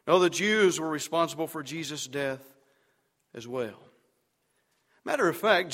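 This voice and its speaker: A man preaching a sermon, emphatic and rising to loud shouts on key words. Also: sits high. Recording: long hall reverb.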